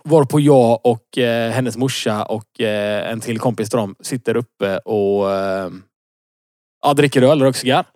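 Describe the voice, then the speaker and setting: A man's voice: mid-range voice, darkish tone, no room sound, studio quality. A man in his thirties co-hosting a casual podcast, rambling through a story with lots of fillers and laughing at himself. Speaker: podcast co-host. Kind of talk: casual chat, telling an anecdote.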